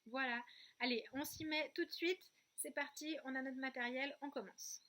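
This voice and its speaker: A woman teaching a remote kindergarten lesson, speaking slowly and clearly and breaking words into syllables. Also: high voice, fairly bright tone. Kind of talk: remote lesson for young children. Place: outdoor terrace at night.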